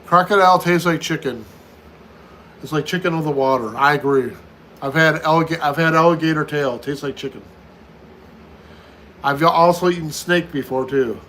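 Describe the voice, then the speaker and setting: A talkative American man in his fifties whose voice sits a little high for a man. He runs a relaxed live-stream chat and repeats his points as he answers viewers one by one. A faint hiss runs under his speech. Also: moderate pace, pauses often, rough recording. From United States. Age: 50s. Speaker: livestream host.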